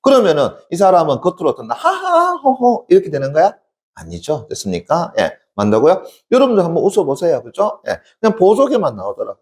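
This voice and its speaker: A man's voice: wildly swooping pitch, fast talker, a little mellow. A male academy teacher giving an exam-prep literature lecture, constantly asking check questions and answering them himself. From South Korea. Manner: acts out poem lines with sudden high dramatic dialect.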